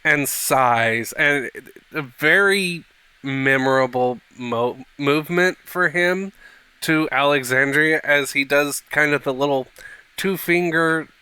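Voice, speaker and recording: A man narrating a tabletop game as game master in a measured, descriptive way. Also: on the high side, pushed and bright, clear, resonant tone, no echo.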